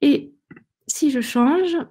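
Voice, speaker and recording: A woman leads a live online demo through an earpiece headset. Her voice is fairly high but mellow and soft-edged. She stops and restarts often and fills pauses as she talks. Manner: hesitant, many fillers and restarts. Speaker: presenter of a product webinar. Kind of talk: live webinar screen-share demo.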